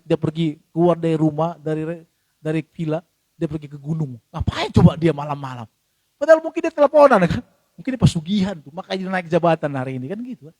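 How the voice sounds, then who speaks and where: Lively high-voiced Indonesian pastor preaching. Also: male voice, dry recording. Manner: lively, swinging from loud to soft, acting out quoted voices. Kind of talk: sermon. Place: church.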